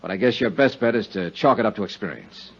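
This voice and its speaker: An American actor, the lead and narrator of a 1950s radio detective drama, plays a tough, quick-witted male insurance investigator recounting his case in the first person. His fairly low, husky voice moves fast through clipped, dramatic, hard-boiled lines in a serious, pressing mood. The recording has the dull sound of vintage 1950s radio.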